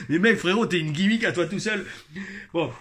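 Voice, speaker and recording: A cheeky, teasing Québécois guy, as a man puts him on, stretching his words in a mocking, playful drawl with a put-on Québécois accent. The voice sits a little high and sounds bright and forceful. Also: normal speed.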